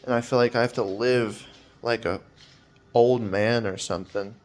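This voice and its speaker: A man's voice: medium pitch, fairly even intonation, normal speed. A man in his twenties talking in a personal vlog, hesitant and rambling with many fillers, sounding weary and anxious. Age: 20s.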